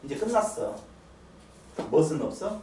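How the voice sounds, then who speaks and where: A middle-aged male pastor preaching in a church, animated and coaxing his listeners to answer his questions. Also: on the high side, normal speed, slight background noise. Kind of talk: lively sermon with questions to the congregation. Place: church sanctuary. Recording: roomy sound from a distant mic, faint ambience.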